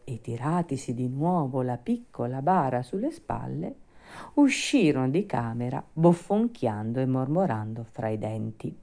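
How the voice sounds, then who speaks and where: A woman narrating a fairy tale in a slow, expressive reading voice. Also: very deep voice. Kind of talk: storybook reading.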